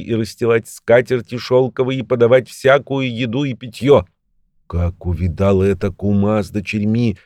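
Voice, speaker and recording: A man reading a fairy tale aloud in an expressive storytelling way. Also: lowish voice, dry recording.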